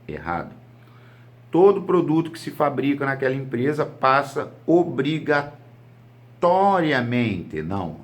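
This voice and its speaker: A Brazilian man teaching a grammar lesson for exam prep, explaining step by step and answering his own rhetorical questions. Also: medium pitch. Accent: Brazilian Portuguese.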